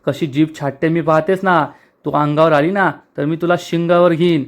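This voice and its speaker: A man's voice: a little high, steady tone, moderate pace, natural voice. A man voicing a quarrelsome, jealous woman who taunts her rival. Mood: taunting.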